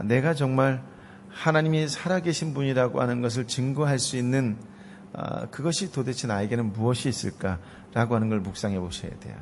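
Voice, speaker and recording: A man's voice: medium pitch, a little hiss or hum. A male pastor giving a Bible devotional talk, asking listeners rhetorical questions and checking in with short prompts.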